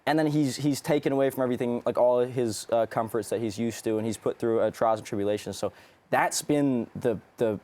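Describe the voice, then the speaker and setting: A man's voice: medium pitch, a little fast, mellow. Easygoing young man actor interviewed. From Canada. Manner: easygoing, rambling, self-deprecating. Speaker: actor guest.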